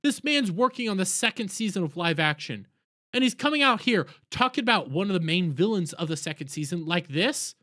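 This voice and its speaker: A man's voice: sits high, lively intonation, fairly quick, bright, forceful tone, no echo, clean studio sound. A man delivering an opinionated commentary rant, indignant and emphatic, repeating phrases for stress. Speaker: commentary video host.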